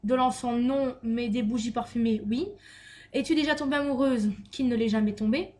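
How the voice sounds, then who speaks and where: A woman's voice: fairly high pitch, fairly even intonation, normal speed, darkish tone. A young woman from France chatting through a vlog question list, with many fillers and restarts. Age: young adult. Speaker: beauty vlogger. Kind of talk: casual Q&A tag vlog.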